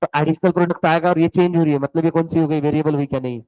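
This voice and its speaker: Joking Hindi-speaking teacher with a sore throat. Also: male voice, on the high side, fairly even intonation, very fast, a little mellow, smooth, dry recording, rough recording. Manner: bantering with students, mixing English definitions into Hindi. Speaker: economics teacher. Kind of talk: classroom lecture. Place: classroom.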